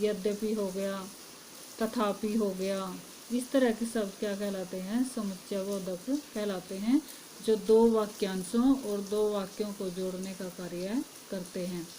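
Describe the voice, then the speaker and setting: A woman's voice: medium pitch, steady tone, a little slow, warm tone, a little hiss or hum, rough recording. A woman teaching a Hindi grammar lesson, asking her class questions and then answering them herself.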